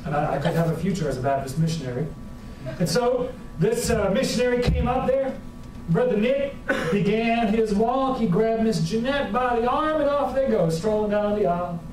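Ein Pastor in seinen Vierzigern predigt lebhaft und humorvoll. Seine Stimme ist für einen Mann hoch, aufgenommen aus der Ferne in einem stark hallenden Kirchensaal. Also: male voice, high voice, normal speed. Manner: folksy, humorous, animated preaching. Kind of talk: sermon with storytelling. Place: church sanctuary with a congregation. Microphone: far camera at the back of the room. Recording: very echoey church hall from far off.

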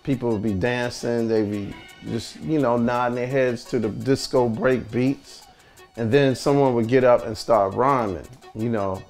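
A middle-aged man from the Bronx, telling his story in a relaxed, conversational documentary interview. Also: medium pitch, unhurried, faint music behind. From the Bronx, New York. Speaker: filmmaker and music producer.

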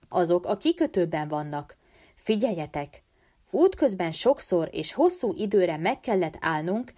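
An earnest teenage boy leader pleads urgently with his friends, as a woman reads him in an audiobook. The voice sits a little low and stays steady and serious, an ordinary reading voice with an urgent push.

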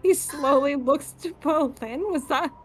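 Woman player, high voice, giggly, hesitant, tabletop game. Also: a little slow.

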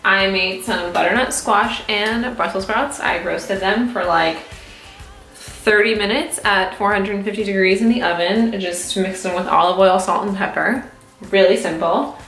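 A woman's voice: medium pitch, measured pace, fairly bright tone, roomy sound, soft background music. A woman in her twenties chatting casually and rambling through a cooking vlog in a small home kitchen, recorded on a close camera mic. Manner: chatty, rambling, self-mocking. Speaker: vlogger.

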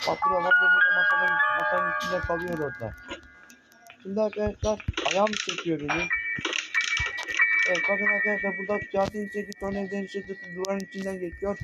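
A man's voice: high-pitched, steady tone, a little fast, over loud music. A man giving frantic, complaining let's-play commentary to his viewers, repeating himself as he plays. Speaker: gaming video creator.

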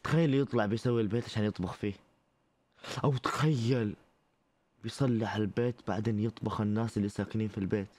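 A man's voice: fairly low pitch, fast talker, darkish tone. A man with a Saudi accent hosting a reaction show, making wry, incredulous comments about online clips. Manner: wry, incredulous asides with mock disbelief. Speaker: host reacting to TikTok clips. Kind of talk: casual comedic commentary.

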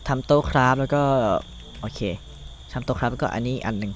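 A man's voice: medium pitch, fast, soft background music. A teenage boy with a Thai accent, rambling to himself as he plays and crafts in a survival game, swearing casually. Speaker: gaming YouTuber. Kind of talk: Minecraft let's play commentary.

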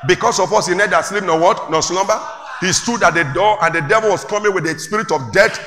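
A male pastor preaching a sermon to a congregation, calling out questions and rising to shouts. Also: sits high, quick pace, faint music behind. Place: church hall with congregation. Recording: echoey church hall, faint room noise.

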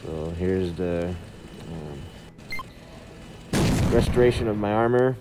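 A man giving halting, casual gameplay commentary, his voice muffled by a face mask. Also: low-pitched, background noise. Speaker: gamer narrating own gameplay video. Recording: game music and gunfire behind. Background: game music, gunfire, vehicle sounds.

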